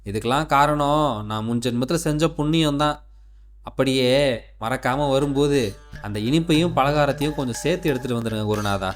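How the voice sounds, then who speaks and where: An actor voicing a sly, flattering disciple in a cartoon, with a Tamil accent. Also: male voice, medium pitch, brisk, faint music behind, close to an everyday voice. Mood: fawning. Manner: fawning, flattering. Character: sly flattering male disciple, greedy for food. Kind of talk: cartoon dubbing.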